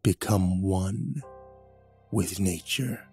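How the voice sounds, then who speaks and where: A man voicing a huge talking brown bear that judges without mercy, speaking slowly in a low rumbling voice. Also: vocal fry, warm tone, breathy edge, faint music behind, heavily acted. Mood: stern. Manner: slow, grave, merciless. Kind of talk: horror story narration.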